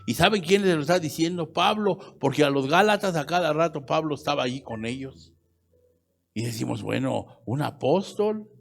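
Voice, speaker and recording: A man's voice: on the high side, lively intonation, moderate pace, vocal fry. A man preaching a sermon as pastor, talking conversationally and letting his voice rise and drop sharply.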